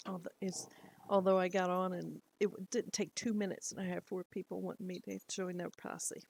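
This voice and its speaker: A woman's voice: lowish voice, flat delivery, moderate pace, vocal fry, darkish tone, slightly rough, poor audio. A middle-aged woman chatting casually to camera at home, rambling and laughing often. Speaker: lifestyle vlogger. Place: at home, indoors.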